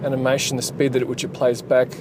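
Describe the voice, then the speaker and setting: A man's voice: mid-range voice, completely flat delivery, quick pace. A man who develops games, chatting casually and rambling while driving, with lots of fillers and restarts. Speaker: game developer and channel host. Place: inside a car while driving. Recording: road noise inside a moving car.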